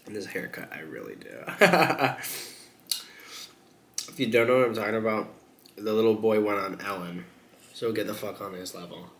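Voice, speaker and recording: A man's voice: fairly low pitch, normal speed, pauses often, fairly bright tone. Crude, rambling young man vlogging. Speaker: mukbang vlogger. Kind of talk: casual eating chat to camera. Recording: echoey room with faint background noise.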